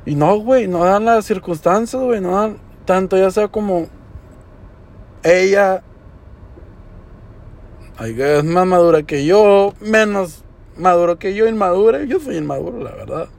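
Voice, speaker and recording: A man's voice: high voice, lively intonation, measured pace, creaky, pauses often, darkish tone. A young man telling a casual story, full of slang and swearing. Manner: slangy, swears often, says "güey" constantly. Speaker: podcaster.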